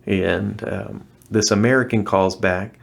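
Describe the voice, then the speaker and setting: A middle-aged former missionary, guesting on an interview podcast, earnestly recounts his experiences in a casual, conversational way, often restarting his sentences. His voice is lowish and creaky, with fairly even intonation and a slow pace.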